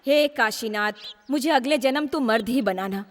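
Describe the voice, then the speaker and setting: A woman's voice: a little high, normal speed, natural voice. A woman dubbing the role of a feisty village woman who scolds and mocks. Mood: mocking. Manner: scolding, mocking. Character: feisty, mocking village woman who runs a phone booth. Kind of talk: Hindi film dubbing.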